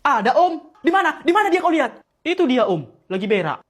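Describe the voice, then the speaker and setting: A woman performing a comic sketch, switching between many villager voices high and low with loud exclamations. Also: sing-song, brisk, heavy background noise.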